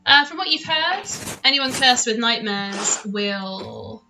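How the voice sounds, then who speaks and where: A woman's voice: a little high, lively intonation, slow, over music. A woman acting as game master, narrating a tabletop role-playing game in a casual, playful, informal way.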